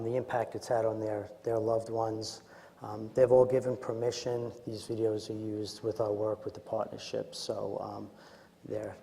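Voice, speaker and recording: A man with a Queens, New York accent gives an informal conference lecture as a doctor, in a hesitant, halting, self-deprecating way. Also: medium pitch, creaky, mellow. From Queens, New York, United States. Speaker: doctor presenting at a medical training. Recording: echoey hall with long reverb.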